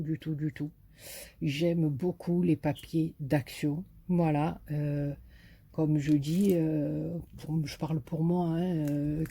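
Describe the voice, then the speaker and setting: A woman's voice: low voice, dark tone, husky. A woman with a Marseille accent chatting casually in a craft haul video, hesitant and full of fillers, enthusiastic about what she shows. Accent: Marseille French. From southern France. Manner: enthusiastic about paper designs. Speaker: craft vlogger.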